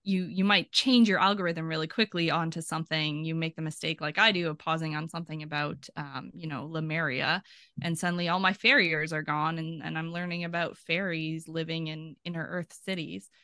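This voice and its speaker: A woman talks as a podcast guest in a lively, chatty way, laughing easily as she goes. Her voice is bright and a little sharp, and it reaches us over a video call. The sound is close and dry, with no room around it. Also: low voice, a little fast, no room sound. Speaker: podcast guest, archaeology PhD student. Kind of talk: casual interview chat.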